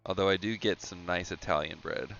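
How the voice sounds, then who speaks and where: A sleepy American man hosts a live stream, talking shop in an easygoing way. His voice sits low yet carries a bright, forceful edge. The stream audio is a little dull and lo-fi. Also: a little fast, vocal fry, soft background music. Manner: relaxed, easygoing, laughs often. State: sleepy, yawning. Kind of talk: casual chat about hardware.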